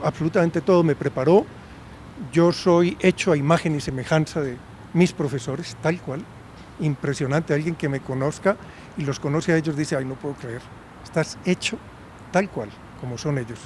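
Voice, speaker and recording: A man's voice: fairly high pitch, a little mellow, slight background noise. A university professor in his sixties from Medellín, Colombia, telling his story in a conversational interview and often checking in with a questioning "right?".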